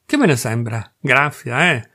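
A man's voice: mid-range voice, lively intonation, moderate pace, creaky. A male reader voicing a brash, mocking freethinking Parisian man who talks boastfully and scornfully.

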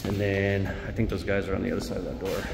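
Swearing refrigeration tech on a head cam. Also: male voice, sits low, flat delivery, quick pace, creaky. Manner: explains steps plainly while working, swears often. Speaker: refrigeration technician. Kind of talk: casual work narration. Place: rooftop at night, then indoor equipment rooms. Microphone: head-mounted camera. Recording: noisy head-camera field recording.

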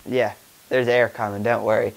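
A man's voice: fairly low pitch, flat delivery, moderate pace, creaky, heavy background noise. A young man with a stuffy nose from a cold, rambling casually through a tech vlog with lots of fillers and restarts. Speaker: tech vlogger.

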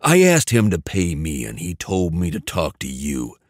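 A male narrator voicing a cool, menacing male ex-soldier who speaks slowly and evenly. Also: no echo, studio quality, exaggerated voice. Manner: low, slow, calm, menacing.

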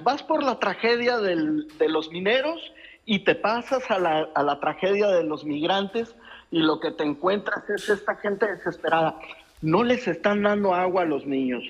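Over a muffled phone line, a middle-aged field reporter speaks from the roadside, telling his story with hesitant restarts. His voice sits high and is slightly rough.

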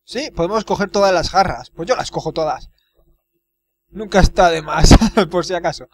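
A man's voice: high voice, normal speed. A man giving chatty let's play commentary and reading out game actions. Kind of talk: casual gameplay commentary.

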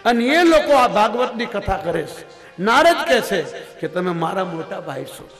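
Storytelling through a devotional scripture discourse, this katha preacher acts out dialogue and chuckles frequently. His high-sitting voice is very animated at a moderate pace. It was recorded in a large religious gathering hall full of echo and loud music.

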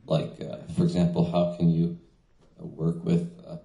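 A middle-aged translator talks casually at a reading in a small venue, full of fillers and restarts, seated before a stand mic. His low voice is monotone, creaky, and dark-toned at a normal speed, and the room sounds echoey.

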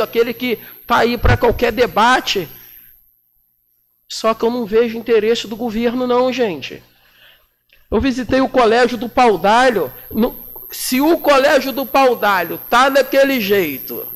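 Brief: high-pitched Brazilian councilman in his 40s, combative and slangy, speaking at a chamber desk mic. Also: fairly bright tone. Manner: combative, indignant, with colloquial slang. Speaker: city councilman. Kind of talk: plenary floor speech. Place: municipal council chamber, indoors. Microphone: desk microphone.

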